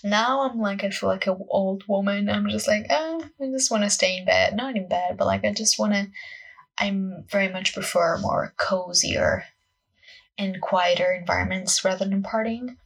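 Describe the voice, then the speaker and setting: Hosting a solo podcast, a roughly twenty-year-old acting student from Portugal rambles casually in her Portuguese accent, sounding self-conscious and scattered. Her voice is mid-range, gravelly, and husky, with a steady tone at normal speed. "Like" peppers almost every thought.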